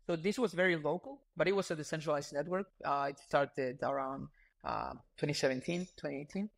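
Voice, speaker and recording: A man in his thirties from Ecuador, a startup founder talking as a podcast guest in a relaxed, earnest way with frequent fillers. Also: a little high, a little fast, creaky. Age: 30s. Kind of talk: casual interview talk.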